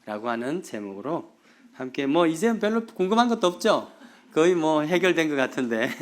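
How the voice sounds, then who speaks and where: Guy preaching a sermon, pretty high voice, goes up and down a lot, keeps asking the church stuff. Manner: lively preaching with rhetorical questions to the congregation. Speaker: pastor.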